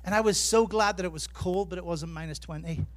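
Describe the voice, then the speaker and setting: A little fast and high-pitched, a jet-lagged man from Ireland gives a sermon as a pastor. He keeps it chatty and self-mocking, telling amusing personal stories.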